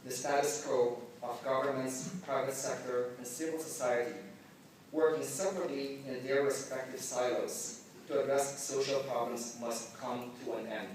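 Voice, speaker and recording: A man raised in the Philippines gives measured welcome remarks as the organizer of a forum in a large conference hall, correcting himself now and then. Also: mid-range voice, steady tone, slight background noise. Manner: measured, deliberate delivery with occasional slips. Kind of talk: formal prepared speech. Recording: echoey hall, mic at a distance.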